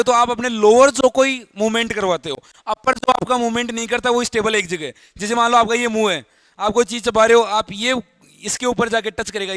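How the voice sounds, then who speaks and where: This Hindi biology teacher, whose Rajasthani accent comes through, speaks in a high-sitting voice with a sharp tone, explaining each step, repeating core terms, and asking his students questions. The recording has no echo.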